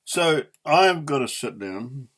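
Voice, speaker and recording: A man's voice: mid-range voice, lively intonation, takes it slowly, heavy background noise. An older man in his eighties with a New Zealand accent, ranting off the cuff in an indignant, emphatic, sweary way, leaning hard on stressed words. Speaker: opinionated vlogger. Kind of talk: unscripted angry rant.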